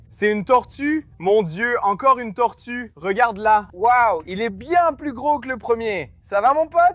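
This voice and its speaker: A man hosting a fishing vlog, narrating excitedly and often exclaiming to his viewers. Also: very high-pitched, no echo. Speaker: vlog host.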